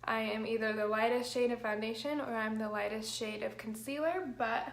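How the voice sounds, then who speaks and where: A young adult makeup vlogger chats through a get-ready-with-me livestream in her small bedroom, rambling with plenty of "like" and "um." Allergies make her fairly high voice hoarse and crackly; her intonation is fairly even and her pace moderate. The camera's built-in mic at arm's length gives a roomy sound.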